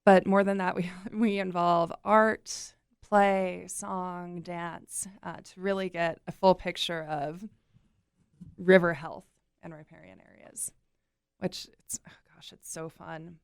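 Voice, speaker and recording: An upbeat young woman talks as an interview guest, chatty and quick to laugh. Her voice sits a little low with a gravelly edge, yet stays smooth and clear. The sound is close and dry. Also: little pitch movement, no room sound. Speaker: guest, nonprofit communications coordinator. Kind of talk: casual interview chat.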